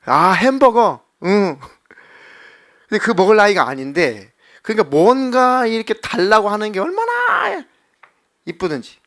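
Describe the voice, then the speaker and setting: A middle-aged man preaching a sermon as a pastor in a church, animated and acting out voices as he talks. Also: high voice, measured pace. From South Korea. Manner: animated, acts out children's and God's voices. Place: church sanctuary.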